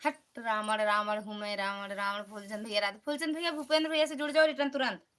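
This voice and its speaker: A woman's voice: medium pitch, fairly even intonation, a little fast, a bit bright. A woman with an Awadhi accent hosting a casual live stream, greeting viewers by name and asking them to support each other. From Uttar Pradesh, India. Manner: chatty, greets commenters by name, calls for support and returns.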